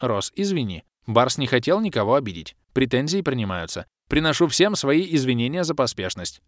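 A man voicing a commanding, sharp-tongued baroness in an audiobook. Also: medium pitch, very animated, no echo, studio quality, pitched above the performer's own voice, natural voice. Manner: brisk and imperious. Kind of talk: audiobook character voice.

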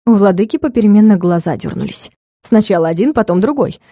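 A woman narrating a comic fantasy audiobook in a measured, expressive way. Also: mid-range voice, dry recording, studio quality.

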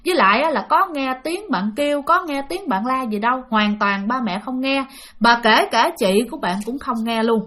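A woman tells a spooky story in a loose, chatty way, turning often to her listeners. Her voice sits a bit high, talkative and easygoing. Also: expressive, moderate pace, fairly bright tone. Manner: chatty, addresses listeners directly. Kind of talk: spoken ghost storytelling.

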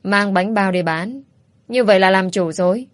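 A woman's voice: mid-range voice, no room sound, natural voice. A woman voicing a bossy older mother who scolds her daughter and schemes to marry her off. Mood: scolding. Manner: scolding, brisk.

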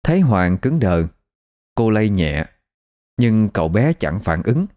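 A man narrating a scripted ghost story in an expressive storytelling manner. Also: fairly low pitch, takes it slowly.

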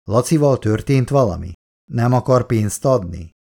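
A calm, dutiful grown son, read by a man close to his own voice, reassuring and kind. The voice is low, dark and gravelly, with a lively pitch.

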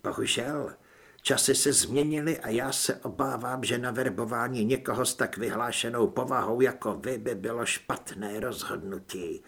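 A man plays a male government official who is cold and smiling, polite on the surface but quietly menacing. His voice is husky and mid-range.

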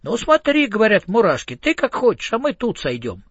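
Man voicing tiny goosebump creatures, high, shrill, bossy, storybook, swooping, dry muffled audiobook. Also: huge pitch swings, brisk, fairly bright tone, husky, no echo, full character voice.

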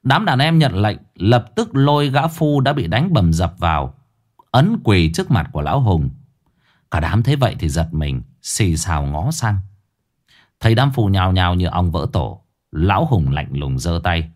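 A man's voice: low voice, sing-song, normal speed. A man narrating a scripted horror story in a dramatic, vivid way.

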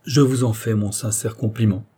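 A man voicing a jovial doctor in his sixties who speaks briskly and heartily. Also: fairly low pitch, fairly even intonation, dark tone, breathy edge.

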